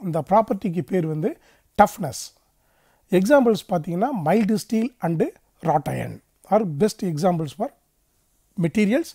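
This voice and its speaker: Mellow South Indian Tamil-accented male lecturer. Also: sits high, no echo, clean studio sound. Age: middle-aged. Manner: didactic, repeats key terms and phrases. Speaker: engineering lecturer. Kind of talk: instructional lecture, reading definitions and explaining them. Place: indoor lecture recording studio.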